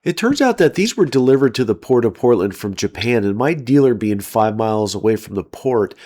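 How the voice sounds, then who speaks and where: A man's voice: mid-range voice, lively intonation, fairly quick, a little mellow. A middle-aged American man giving a scripted, enthusiastic and opinionated narration as a car channel host. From United States.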